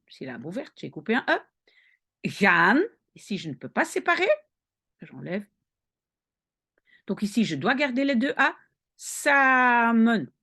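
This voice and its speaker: A woman teaching a Dutch spelling dictation, patiently explaining each word and often checking that her students follow. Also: mid-range voice. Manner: patient, checks understanding with frequent "ok?".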